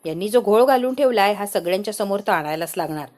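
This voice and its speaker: A woman's voice: medium pitch, animated, fast, a little mellow, pitched below the performer's own voice, natural voice. A woman voicing a spoiled young woman in a retold family serial, determined to expose a deception.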